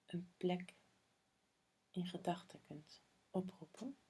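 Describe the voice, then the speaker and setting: Soft, breathy half-whispering woman guiding meditation. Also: fairly low pitch. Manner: slow, soothing spa-like delivery with long pauses. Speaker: meditation guide. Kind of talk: guided meditation.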